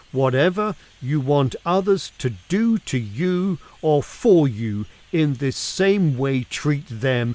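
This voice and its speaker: A man with a medium-pitched, darkish-toned voice reads scripture aloud. His delivery is measured and deliberate, using pauses and emphasis for dramatic effect.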